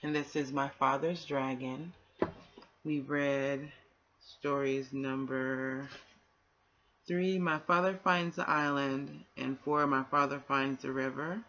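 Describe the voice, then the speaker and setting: A woman with a bass voice reads and hosts a children's bedtime story, taking it slowly with fairly even intonation and a fairly bright tone. She addresses young listeners in a nurturing, encouraging way, and the home recording sounds dull and lo-fi.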